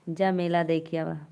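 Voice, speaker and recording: Young Awadhi woman, low-ish voice, unhurried teasing chat with stream viewers, laughs easily. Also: very noisy. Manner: chatty, teasing, laughs often, reads out comments. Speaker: live-stream folk singer host.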